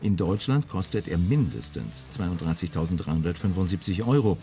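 A man narrating a car magazine report in a measured, informative voice-over. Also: sits low, big pitch swings, warm tone. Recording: voice-over with music beneath.

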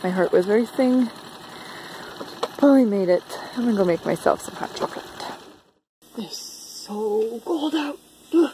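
A woman in her thirties chatting to a handheld camera on a sailboat, excited and laughing easily. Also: a little high, measured pace, pauses often. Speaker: sailing vlogger. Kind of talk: casual vlog narration. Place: on a sailboat on a foggy lake and in the cabin. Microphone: handheld action camera at arm's length. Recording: camera audio with wind and water noise.

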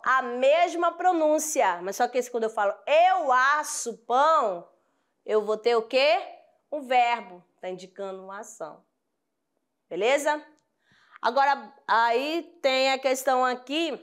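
Woman teacher with a Brazilian accent, slow delivery, patient grammar lesson, affectionate with students. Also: fairly high pitch, fairly bright tone. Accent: Brazilian Portuguese. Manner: patient, repeats examples with frequent check-ins.

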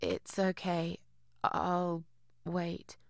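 A woman's voice: mid-range voice, unhurried, slightly rough, no room sound, studio quality. An actress voicing a weary, withdrawn middle-aged woman in a video game, speaking in a hesitant, sullen and grudging way.

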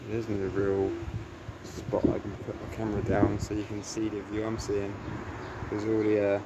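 A young man from England with an English accent, chatting casually in a low-key, musing way as he films a vlog outdoors. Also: completely flat delivery, moderate pace. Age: young adult. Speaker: vlogger. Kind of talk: casual rambling vlog chat. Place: outdoors on an open hillside temple ground. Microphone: camera at arm's length or propped nearby. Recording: muffled outdoor camera audio, ambient noise.

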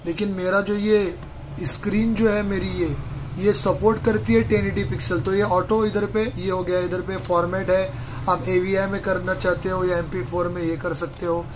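A man's voice: sits high, little pitch movement, moderate pace. A man casually walking viewers through a camera setup step by step in a phone repair workshop, talking to them like friends. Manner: chatty, addresses viewers as brother, step-by-step. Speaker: mobile repair technician. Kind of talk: casual how-to walkthrough. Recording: noisy room with street traffic.

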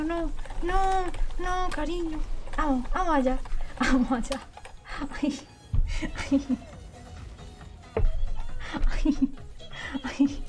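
A young woman with a Spain Spanish accent commentating her gameplay, pleading and laughing in panic. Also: high-pitched. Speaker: gaming YouTuber. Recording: faint background noise.

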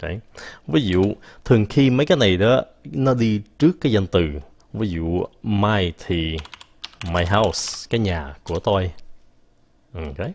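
A man's voice: on the low side, darkish tone. A man teaching an English grammar lesson in a casual way, explaining patiently and often correcting himself. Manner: slow, explains patiently, frequent "ok" and self-corrections.

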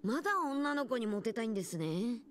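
A woman's voice: a little high, big pitch swings, fast, a little hiss or hum. A woman voicing a small, earnest, teasing male martial artist in anime video game dialogue. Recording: music behind.

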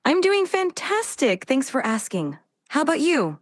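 A woman's voice: high voice, wildly swooping pitch, unhurried, dry recording. A synthetic woman's voice of an AI assistant, upbeat and friendly in a live demo.

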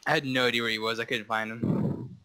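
A man's voice: medium pitch, little pitch movement, a little fast, pushed and bright. A man chatting casually with friends while playing an online shooter, wry and sarcastic. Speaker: gamer. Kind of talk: casual gaming chat.

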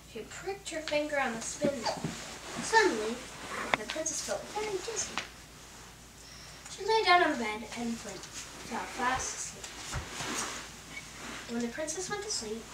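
Young girl reading a fairy tale aloud, high voice, stumbles and restarts. Recorded far off in an echoey room with loud kitchen clatter. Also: very noisy. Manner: reads with small slips and restarts. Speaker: storyteller.

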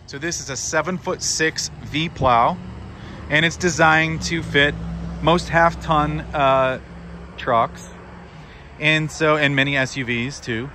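Man, 30s, equipment dealer, casual sales pitch to a phone camera at arm's length, plainspoken and chatty with fillers, outdoors with faint traffic behind. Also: slow pace, pushed and bright. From Missouri, USA. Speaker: equipment dealer presenting a product. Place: outdoors in a sunny equipment lot by a road. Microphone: phone camera held at arm's length.

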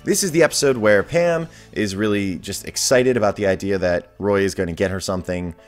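A man's voice: lowish voice, brisk, soft background music. A young man chatting enthusiastically as a YouTuber about a favorite TV show. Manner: enthusiastic, chatty fan talk. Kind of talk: casual video commentary.

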